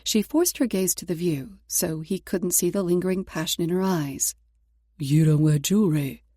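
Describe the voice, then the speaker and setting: A woman's voice: lowish voice, moderate pace, a little mellow, no room sound, clean studio sound. A woman narrating romance fiction from a script in a sultry, intimate storytelling manner. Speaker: audiobook narrator.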